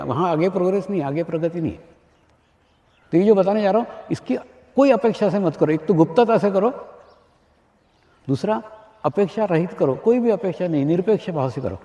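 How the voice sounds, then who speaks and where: A man's voice: sits high, warm tone. A man, a spiritual teacher, giving a discourse to an audience, repeating his phrases and asking rhetorical questions. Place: large hall with an audience. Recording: echoey hall, dull lo-fi archive recording.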